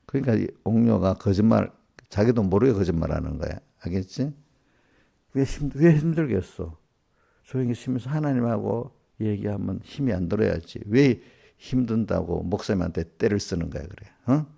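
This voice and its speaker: Gravelly low-voiced Korean pastor scolding. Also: male voice, lively intonation, moderate pace, mellow. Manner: scolding, asks one rhetorical question after another. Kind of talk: small-group sermon addressing congregants directly.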